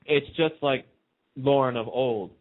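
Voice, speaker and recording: Over a muffled, narrow, phone-like line, a man calls in to a radio show to chat about TV soap storylines. His mid-range voice is unhurried, and he gives his opinions casually but emphatically.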